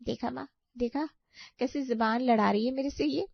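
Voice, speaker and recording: A voice actor with a fairly high, steady voice and some vocal fry plays a spiteful, scheming young sister-in-law in a cartoon story, speaking at a moderate pace. Her manner is scornful, accusing and whiny. The audio is dry and slightly dull, with no room sound.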